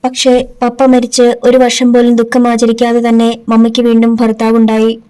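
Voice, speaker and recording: A woman voicing a young daughter who speaks quietly but firmly, accusing and defiant. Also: a little high, completely flat delivery, moderate pace, smooth, lightly acted.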